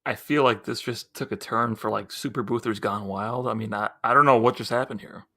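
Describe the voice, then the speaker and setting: Bright-voiced man cracking wry jokes. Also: mid-range voice, a little fast. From Long Island, New York. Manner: wry, teasing reactions. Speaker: podcast co-host. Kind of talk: casual chat.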